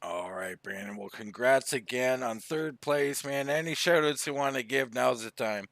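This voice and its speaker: A man's voice: mid-range voice, normal speed, creaky, a bit bright, dry recording. A man interviewing a driver after a sim race as pit reporter, asking casual, chatty questions.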